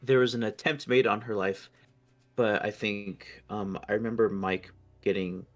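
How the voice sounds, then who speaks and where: A man's voice: lowish voice, fairly even intonation, measured pace, faint music behind. A man chatting casually as a player in a tabletop game, wry and a little hesitant. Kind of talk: casual chat.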